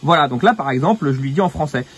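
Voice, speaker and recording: A man hosting a casual product review, chatty and quick to laugh, with lots of fillers. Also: a little high, expressive, breathy edge. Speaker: host testing equipment.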